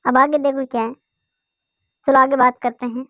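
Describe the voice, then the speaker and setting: High-voiced woman teaching in a dry room. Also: level tone, moderate pace, pushed and bright, dry recording. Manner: repeats questions and answers them herself. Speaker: English teacher. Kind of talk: classroom lesson explanation.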